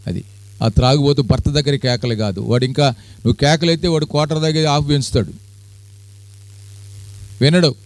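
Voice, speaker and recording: A middle-aged pastor preaching a sermon, asking the congregation questions and answering them himself, rising to high loud climaxes and dropping low. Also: male voice, moderate pace, pauses often, no room sound.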